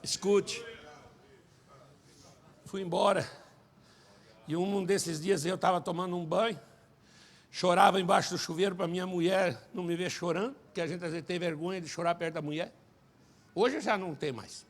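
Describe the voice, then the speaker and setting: A Brazilian man preaching a sermon at a church service, telling a personal testimony in an animated way and rising to shouts. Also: high voice, moderate pace, pauses often. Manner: animated storyteller, acts out quotes, shouts at climaxes. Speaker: pastor and singer.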